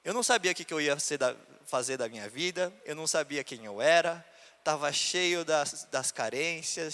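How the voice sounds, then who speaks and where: The man, a pastor from Brazil, shares his story during a sermon and voices the people he quotes. His voice is fairly high, sharp in tone and smooth, echoing with the long reverb of a church hall.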